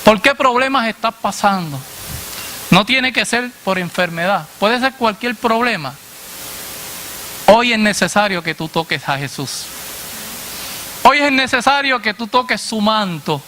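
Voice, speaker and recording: Guy preaching a sermon, pretty high pitched, drops low on his own answers, light hiss behind. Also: animated, unhurried, long pauses, sharp tone. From Latin America. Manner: call-and-response questions, dropping low on the answer; addresses the congregation directly as brother.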